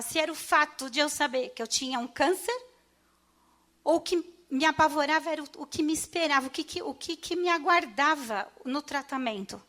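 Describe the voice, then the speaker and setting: High-voiced woman giving an emotional testimony. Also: sharp tone. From Brazil. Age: middle-aged. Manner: emotional, halting, with restarts. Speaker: church testimony speaker. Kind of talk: personal testimony. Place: church.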